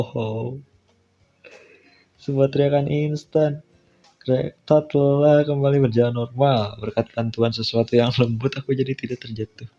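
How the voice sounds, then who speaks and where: In a laid-back let's play, a man with an Indonesian accent reads a visual novel out loud and tosses in colloquial reactions to what he reads. His voice is warm and medium in pitch. He makes gaming content, and his dull, lo-fi recording has faint game music behind it.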